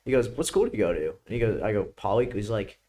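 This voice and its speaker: A man's voice: lowish voice, lively intonation, quick pace, dark tone. A young man with a New York accent, a student guest chatting casually and leaning on "like" a lot. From Brooklyn, New York. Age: young adult. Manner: laid-back, peppers speech with "like", laughs often. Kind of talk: casual chat.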